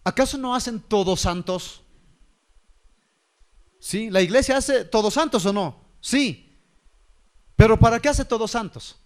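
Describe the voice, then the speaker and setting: A man's voice: high voice, expressive, a little slow, pauses often. A man, preaching a sermon and firing rhetorical questions at his listeners. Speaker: pastor.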